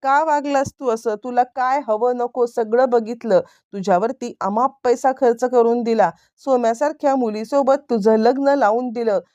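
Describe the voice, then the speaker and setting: A woman's voice: medium pitch, normal speed, mellow, lightly acted. A woman narrator voicing an angry, heartbroken middle-aged man who was betrayed by his brother, asking pleading, reproachful questions.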